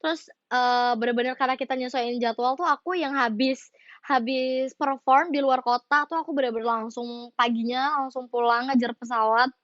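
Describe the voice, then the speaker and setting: A young woman with a fairly high voice chats casually with her fans about her own song, giggling now and then and dropping English phrases into her sentences. Her voice sounds close and dry, with a slightly dull, lo-fi tone. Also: steady tone, moderate pace, a bit bright, no echo.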